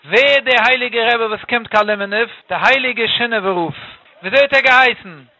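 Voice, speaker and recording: A man telling a traditional religious tale, acting out the characters' lines in a lively way. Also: very high voice, moderate pace, dry recording, low-quality recording. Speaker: storyteller.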